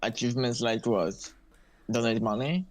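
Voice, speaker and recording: A man's voice: mid-range voice, normal speed, a crowd in the background. A man in a casual chat as a co-host, with an inquisitive way of talking.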